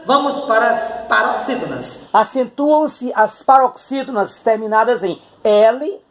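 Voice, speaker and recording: A male teacher with a Brazilian Portuguese accent giving a grammar video lesson, explaining patiently and checking in with his students as he goes. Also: high-pitched. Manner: explanatory, checks in with "tá?" and "né?", spells out letters slowly.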